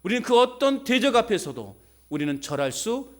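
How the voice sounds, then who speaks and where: A man preaching a sermon as pastor, animated, with folksy rhetorical questions and call-and-response with the congregation. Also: sits high, a little fast.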